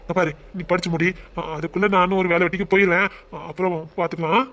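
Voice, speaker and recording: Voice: mid-range voice, steady tone, fast talker, a bit bright, slight background noise, natural voice. An actor voicing a young village man, coaxing and reassuring his girlfriend. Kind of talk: amateur village drama.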